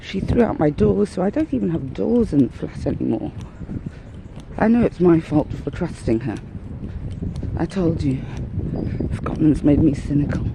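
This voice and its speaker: A woman's voice: deep voice, animated, moderate pace, creaky, pauses often, background noise. A woman vlogging while out walking, out of breath, talking in a rambling, candid and wry way. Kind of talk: casual walking monologue. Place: outdoors, walking dogs. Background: faint outdoor ambience.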